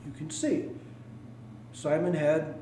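A male pastor preaching a sermon, animated and swinging between loud calls and hushed asides, recorded in a church sanctuary. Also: a little high, slow, slight background noise. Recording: echoey room, mic at a distance.

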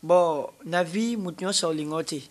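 A young man with a Congolese accent, a musician guest, talks animatedly and gestures with his hands during a TV studio interview at a standing studio mic. His voice is on the high side at a normal speed.

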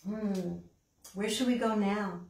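Speaking slowly in a medium-pitched, darkish voice, an older American woman leads a library storytime with puppets, songs and read-aloud. She keeps asking young children simple, encouraging questions. Background hiss and a far-off mic make the sound roomy.

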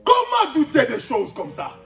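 A man with a Congolese French accent, preaching a sermon as a pastor, animated, breaking into shouts and laughing asides. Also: extremely high pitch, a little slow, creaky, far from the mic. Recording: echoey hall, off-mic, music behind.

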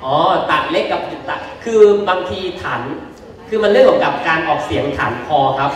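A man's voice: fairly high pitch, animated, fairly quick, fairly bright tone. A man training teachers in a workshop, explaining grammar rules politely and joking with the room. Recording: echoey hall, from far off.

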